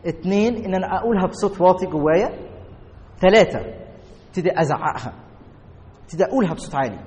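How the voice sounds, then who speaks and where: A man with an Egyptian Arabic accent preaching a sermon as a pastor, emphatic and slowing down to stress key words. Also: high voice, darkish tone. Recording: long reverb of a large hall.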